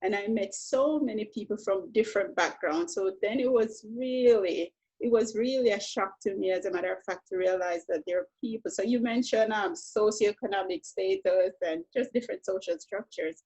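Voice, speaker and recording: A woman from Jamaica, a painter telling her story in a relaxed, reflective conversation, often saying "you know". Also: medium pitch, normal speed, few pauses, breathy edge, poor audio. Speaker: painter, interview guest.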